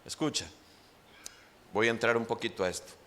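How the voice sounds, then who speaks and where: A man preaching a Sunday sermon in church, animated and asking the congregation rhetorical questions. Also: mid-range voice, normal speed.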